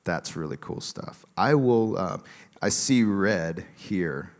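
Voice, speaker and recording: A man giving a relaxed conference talk with a joking tone and many fillers, speaking in a large auditorium. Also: low-pitched, slow, in a large hall.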